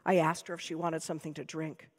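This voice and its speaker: An American woman author reading her own fiction aloud in a dry, measured, deadpan way. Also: deep voice. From United States. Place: lecture hall. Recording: long hall reverb.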